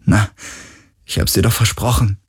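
A man's voice: fairly even intonation, moderate pace, husky. A man voicing a grieving but determined young hero in a German audiobook, speaking earnestly and with feeling. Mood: consoling. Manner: earnest and emotional, rising pitch.

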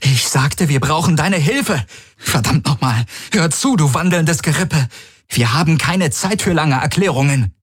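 A man's voice: mid-range voice, expressive, measured pace, a bit bright, slightly rough, dry recording, clean studio sound, pitched above the performer's own voice, exaggerated voice. A man voicing a tough young woman fighter who barks hard, impatient commands. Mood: harsh.

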